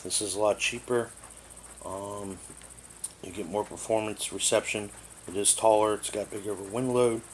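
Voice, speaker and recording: A man on the low side of pitch keeps a steady tone and moderate pace while giving a casual, rambling hands-on look at a product. The matter-of-fact review was recorded indoors in a living room, noisily, using a tablet's built-in microphone.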